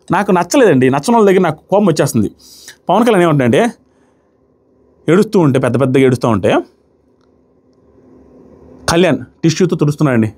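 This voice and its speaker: A man's voice: on the high side, darkish tone. A man reviewing a reality show episode in a mocking, indignant commentary, acting out the crying he describes. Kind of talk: animated commentary.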